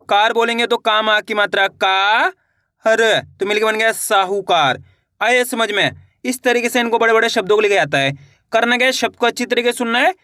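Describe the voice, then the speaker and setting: Teaching beginners to write, a man with a high, sharp-toned, smooth voice stretches each word slowly into syllables. He says every word, asks viewers to repeat it and keeps calling them friends, all in a dry, close recording with no room sound.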